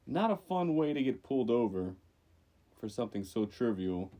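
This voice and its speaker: Young man, casual podcast chat, mellow dark voice, lively, animated. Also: normal speed. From Louisiana. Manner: animated storytelling, jumps up in pitch for emphasis. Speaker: podcast co-host.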